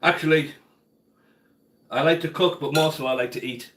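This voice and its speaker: A man's voice: on the high side, normal speed, very noisy. Chatty man cooking in an echoey kitchen. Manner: chatty, answers viewers' comments by name. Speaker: cooking livestream host. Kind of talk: casual live-stream chat while cooking. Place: home kitchen. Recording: echoey kitchen room sound.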